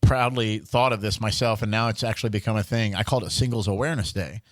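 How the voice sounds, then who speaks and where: A man co-hosting a podcast, telling stories in a casual, joking way and sometimes mimicking a booming radio DJ. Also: steady tone, fast talker, no echo. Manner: chatty storyteller, slips into a booming radio-DJ voice. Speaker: podcast co-host. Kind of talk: casual comedic chat.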